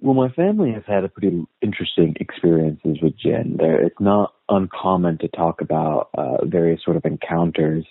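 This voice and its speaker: Male guest historian, lowish voice, narrow phone-line sound, unhurried storyteller. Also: lively intonation, husky, dry recording. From United States. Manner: thoughtful storyteller, frequent "uh" and repeated words. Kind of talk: casual interview conversation. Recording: tinny phone-like line, dry.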